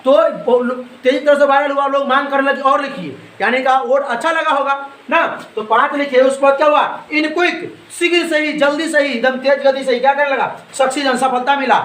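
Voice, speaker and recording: Guy teaching a class, really high voice, asks stuff then answers it himself, echoey room. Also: steady tone, fairly quick, few pauses, a bit bright. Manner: asks questions and answers them himself, repeats points. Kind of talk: classroom lecture explaining a poem.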